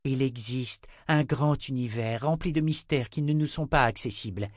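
A man's voice: medium pitch, normal speed, dry recording, studio quality, voice pushed up, close to an everyday voice. A man reading an audiobook voices a strange, earnest young man who pleads and lectures. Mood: lecturing. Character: strange, fervent young man, anxious and preachy.

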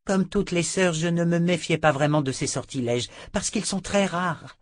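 A somber sorceress lectures her emperor on death and danger, as a man reading the book puts her on. The voice sits noticeably higher than his narration, and the reading is dry and close, with no room sound. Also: normal speed, dry recording, close to an everyday voice. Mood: grave. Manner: lecturing, grave. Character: weary sorceress sister, somber and grave.

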